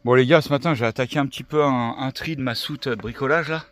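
A man from France vlogging in a relaxed, chatty way, full of fillers, filming with a handheld camera near his van. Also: medium pitch, quick pace, dry recording. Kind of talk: casual vlog chat.

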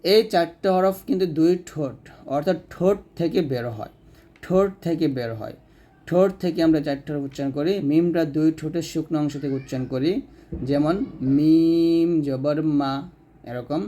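A man gives a spoken lesson on reading the Quran. His voice is mellow and a bit high for a man. He drills the letter sounds one at a time, slowly and with long, drawn-out syllables.

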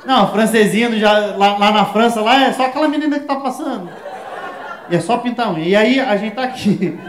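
A Brazilian man with a Brazilian accent doing a stand-up comedy set, animated and full of crude slang, shouting his punchlines. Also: high-pitched, fairly quick, roomy sound, slight background noise. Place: comedy show stage before an audience.

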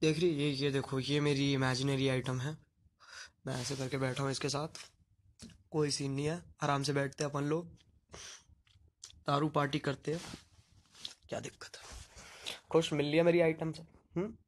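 A young man with a slight Punjabi accent hosts a live stream, answering viewer comments in loose, joking banter. His voice sits a little higher than most men's, and his talk is relaxed and playful. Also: moderate pace, long pauses, a little hiss or hum. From Delhi region, India.

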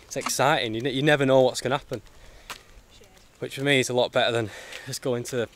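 A man's voice: mid-range voice, steady tone, fast, fairly bright tone. A man chatting casually to camera as a travel vlogger, colloquial and matey, with mild swearing. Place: outdoors on rural roads and temple grounds. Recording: outdoor ambient and motorbike noise.

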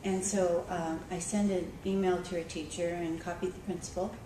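In an echoey conference hall, a school librarian gives a storytelling talk in a conversational manner, often saying um and restarting. She speaks at a moderate pace in a fairly low voice with a flat delivery. The recording is distant and has background noise.

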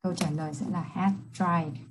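A woman English teacher with a Vietnamese accent, reading test questions slowly and then explaining each answer quickly. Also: on the low side, fairly even intonation, slight background noise, poor audio. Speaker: high school English teacher. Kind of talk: exam review lesson.

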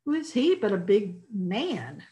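A woman's voice: mid-range voice, sing-song, measured pace, dark tone, rough recording. A woman voicing a bold, fearless young shepherd boy in a storybook reading, speaking in earnest, insistent exclamations. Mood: confident.

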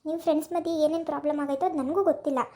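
A woman's voice: sits high, steady tone, very fast, warm tone. A woman playing a caring young wife who scolds and presses a friend to make peace, asking question after question, in an amateur village drama. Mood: earnest.

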